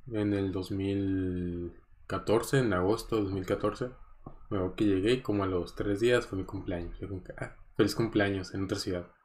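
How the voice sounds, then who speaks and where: A man's voice: lowish voice, darkish tone. A man from Mexico with a Mexican Spanish accent, hosting a casual solo podcast, rambling and chatty with many fillers and chuckles. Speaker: podcast host.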